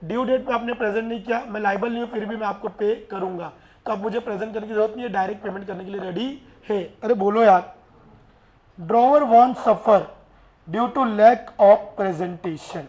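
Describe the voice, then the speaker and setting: A man teaching a class in a lively way, often urging his students to answer and mixing English terms into his speech. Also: high voice, fast. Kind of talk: classroom lecture.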